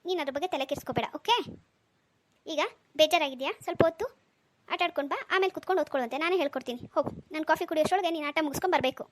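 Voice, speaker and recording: A woman's voice: high voice, racing, close to an everyday voice. Woman voicing a protective cartoon dad. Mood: tender. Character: protective husband and father, stern yet tender. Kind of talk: cartoon dialogue.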